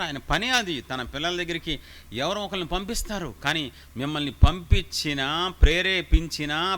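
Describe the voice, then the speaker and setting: A man's voice: a little high, pushed and bright. A male pastor, preaching a live sermon at a church meeting. He stresses points with rhetorical questions and repeated phrases.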